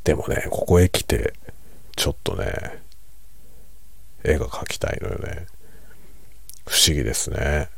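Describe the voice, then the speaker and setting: A middle-aged man talks softly and casually over a late-night drink. His voice is extremely deep and husky, recorded close and dry. He muses without hurry and gently puts himself down. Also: no room sound. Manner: hushed, unhurried, musing, self-deprecating; relaxed monologue while drinking alcohol. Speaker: streamer.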